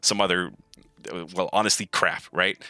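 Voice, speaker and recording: A man's voice: deep voice, fairly even intonation, moderate pace, sharp tone, no room sound. A man being interviewed about his work as a game programmer, talking casually and enthusiastically with many restarts and repeated words. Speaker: lead gameplay programmer, guest.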